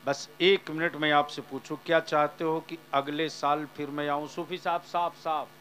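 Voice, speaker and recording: Male preacher, slightly high voice, fiery delivery, calls out to a live crowd. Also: little pitch movement, moderate pace, a little hiss or hum. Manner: fiery, swings from soft to shouting; talks directly to the audience, asking them to answer aloud. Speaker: Islamic preacher. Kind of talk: sermon to a crowd.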